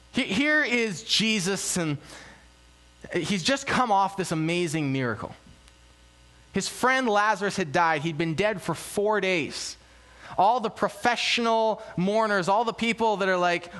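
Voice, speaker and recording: A man preaching a sermon, leading a quiet prayer and then telling the story with energy, acting out the crowd's voices. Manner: hushed low prayer. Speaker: pastor.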